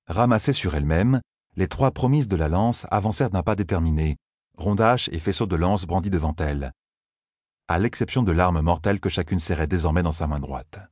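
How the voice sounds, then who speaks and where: A man narrating an audiobook in a steady, measured reading voice. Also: low-pitched, breathy edge, dry recording, clean studio sound.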